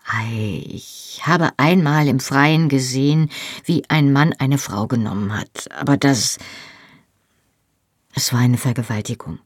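A narrator voicing a shy, earnest young Scottish man in an audiobook, speaking softly and hesitantly. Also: medium pitch, unhurried, husky, no echo, clean studio sound. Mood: bashful. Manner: soft, bashful, hesitant speech. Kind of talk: audiobook character voice.

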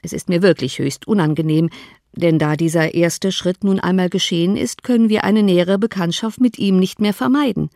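Woman voicing a dry ironic father, measured, calmly teasing, storybook reading, close dry sound. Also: on the low side, no room sound, close to an everyday voice. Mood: mock-regretful. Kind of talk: audiobook character voice.

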